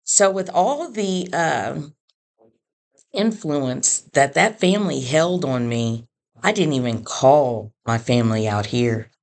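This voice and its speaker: A middle-aged woman telling a personal story in an earnest, animated way, acting out the voices of the people she quotes. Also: rumbling low, slow. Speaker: podcast host telling her story.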